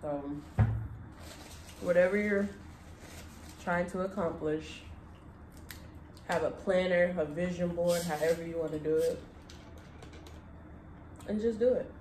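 Slow and often pausing, this young woman speaks in a fairly low, darkish voice as she co-hosts a mukbang. She chews while chatting casually at a table indoors, where the room echoes and light noise sits in the background.

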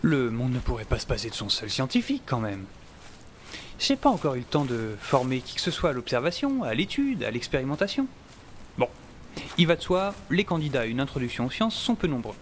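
Playing a self-important, optimistic middle-aged scientist who survived, a man narrates a scripted first-person audio drama in a wry, musing, theatrical way. His medium-pitched voice is brisk and lightly acted with big pitch swings, over music and slight background noise.

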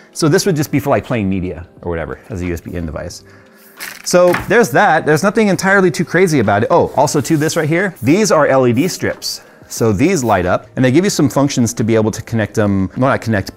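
A man in his forties with a fairly low voice gives a casual, rambling tech review full of asides and ums. He talks from a studio room and desk setup, recorded on a camera mic. Faint music plays underneath. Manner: chatty, rambling asides with frequent ums and laughs. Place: studio workshop and desk setup with purple and red lighting.

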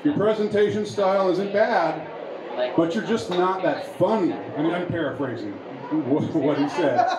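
A man doing a stand-up set in a bar, talking in a halting, rambling way with many restarts. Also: high-pitched. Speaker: stand-up comedian. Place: bar with a pool hall. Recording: echoey bar with crowd behind.

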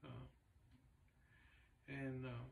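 A laid-back man talks in a flat, even tone and stops often for fillers. He sits in a large garage shop, and his voice comes from a camera several meters away, so it sounds distant and roomy. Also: medium pitch, very slow, creaky, a little hiss or hum. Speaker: race car builder and shop owner. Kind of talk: casual vlog talk. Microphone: camera a few meters away.

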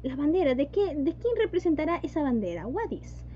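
High-voiced woman teaching online. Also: sing-song, brisk, dark tone. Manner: mixes Spanish and English, repeats "yes" and "¿no?". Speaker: English teacher. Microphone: video call. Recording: dull lo-fi online call audio with faint hum.

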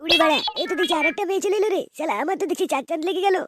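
Thelu, a man doing a squeaky cocky cartoon lad. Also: very fast, very noisy. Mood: scheming. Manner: swaggering, foul-mouthed asides. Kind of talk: cartoon comedy dubbing. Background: music.

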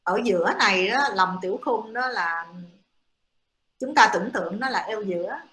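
A woman's voice: medium pitch, moderate pace, fairly bright tone. A woman giving a classroom lecture to students, explaining step by step with many hesitant fillers. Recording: echoey room.

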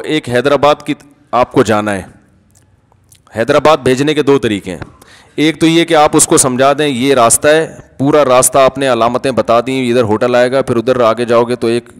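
A male cleric gives a Friday sermon, answering questions from the congregation. He explains in a conversational, patient way and argues each point with everyday examples. His voice sits at a middle pitch, and a long reverb from the large hall trails after his words.

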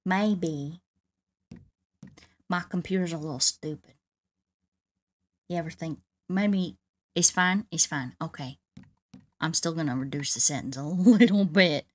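A VTuber with a Southern US drawl hosts a video game livestream, chatting casually in folksy cowboy talk. Her voice is low, a little slow, and broken by frequent pauses.

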